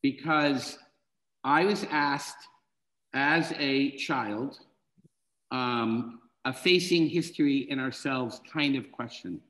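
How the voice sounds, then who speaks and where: A man's voice: mid-range voice, slow, low-quality recording. A middle-aged man, a film director and guest, speaking casually over a video call and acting out dialogue as he tells stories. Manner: animated, acts out dialogue in anecdotes. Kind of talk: casual storytelling.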